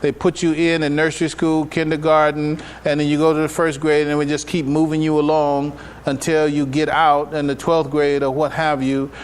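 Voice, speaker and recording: This imam, an American man, has a voice on the high side with a clear, resonant tone, delivered completely flat at a moderate pace with hardly any pauses. Addressing a congregation live at a mosque and taking questions, he keeps the informal religious lecture folksy and conversational, often asking rhetorical questions; the room is noisy.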